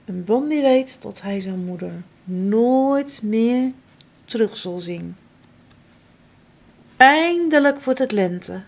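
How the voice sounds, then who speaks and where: A woman reading a children's storybook aloud, dramatic and full of expression. Her pitch rises and falls a great deal, and she takes her time. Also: expressive, takes it slowly, creaky, pauses often.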